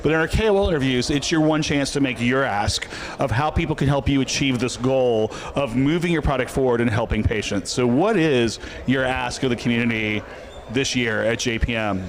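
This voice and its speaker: A man's voice: medium pitch, a little fast. A man hosting a conference interview, friendly and jokey in his small talk. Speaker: interviewer, host. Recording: outdoor recording with crowd noise. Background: crowd chatter.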